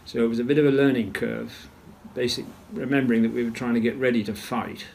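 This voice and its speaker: An older man tells his story in an interview, unhurried and measured. His voice is gravelly and sits at a middle pitch, and he clears his throat often as he talks. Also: fairly even intonation, darkish tone, a little hiss or hum. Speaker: retired naval officer interviewee. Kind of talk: interview recollection.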